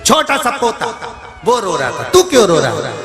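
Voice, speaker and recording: A man's voice: extremely high pitch, very animated, moderate pace. A man preaching a devotional sermon, telling a humorous parable and acting out its characters. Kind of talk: devotional scripture storytelling sermon. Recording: echoey live sermon with music.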